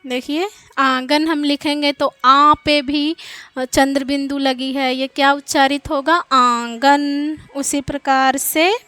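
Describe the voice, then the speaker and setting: A woman teaching a Hindi grammar lesson to children, patient and slow, repeating each example word. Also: high-pitched, flat delivery, sharp tone, no echo, soft background music.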